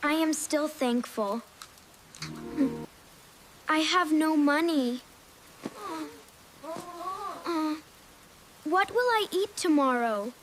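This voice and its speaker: A woman plays a sad, timid little girl in an animated storybook for learners. Her voice sits very high and the lines come very slowly, soft and plaintive. A faint hiss runs under the recording. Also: full character voice. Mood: lonely, wistful.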